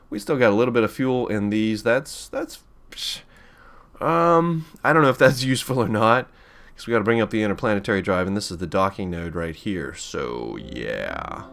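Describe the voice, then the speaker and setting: Man, lowish voice, let's play host, casual rambling gameplay commentary. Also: a bit bright, smooth. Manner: rambling and chatty, with frequent restarts and chuckles.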